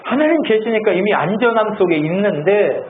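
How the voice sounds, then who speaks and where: A male pastor preaching a sermon in an animated, conversational way, asking the congregation lots of questions. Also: high voice, brisk. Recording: tinny phone-like sound, faint hiss.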